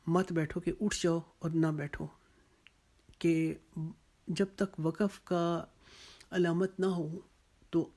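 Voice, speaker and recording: Mellow, even-toned Quran teacher. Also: medium pitch. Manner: measured, explanatory, with frequent pauses. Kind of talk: religious lesson explanation.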